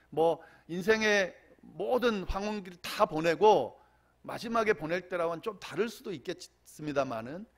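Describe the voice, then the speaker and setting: Male pastor mid-sermon, animated, voice swoops up on quotes and falls away at line ends. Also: a little high. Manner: animated preaching, voice rising on quoted cries and dropping at line ends.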